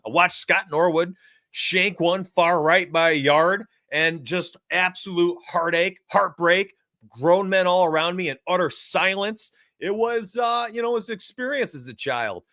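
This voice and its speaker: A forty-year-old man from New York runs a sports betting livestream, energetically chatting with his audience and speaking straight to them. His high-pitched voice comes through at studio quality with no room sound.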